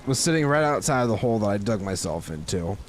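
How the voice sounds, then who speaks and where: A man's voice: on the low side, sing-song, fast, a little hiss or hum. A man casually commenting on his gameplay in a joking, wry way. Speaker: gameplay host. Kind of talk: casual let's-play commentary.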